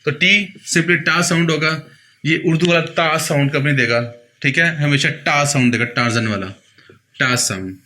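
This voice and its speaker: Bright-voiced man teaching sounds. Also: on the high side, slight background noise. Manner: patient, repeats each sound slowly for the learner. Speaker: pronunciation teacher. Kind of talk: explaining a lesson.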